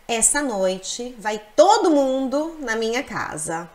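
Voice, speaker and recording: A woman teaching Italian in a lesson, explaining slowly and repeating words to model their pronunciation. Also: a little high, big pitch swings, a little mellow. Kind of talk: language lesson.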